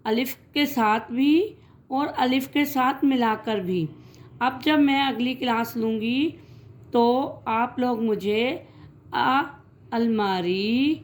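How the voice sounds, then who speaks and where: A woman with a fairly high voice teaches young children to read. She stretches each sound out slowly and repeats it, then explains in quicker, gentle sentences as if speaking to her own pupils. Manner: slow drawn-out syllables, then quick explanations; gentle, calls listeners "beta". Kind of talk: children's reading lesson.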